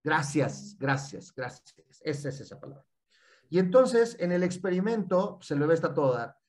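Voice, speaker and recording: An animated man with a Mexican accent talks through his ideas in a relaxed, explanatory way. His voice sits a little high for a man, and he keeps stringing points together. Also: normal speed. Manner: animated, repeats "y entonces". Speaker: guest speaker. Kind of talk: casual explanatory talk.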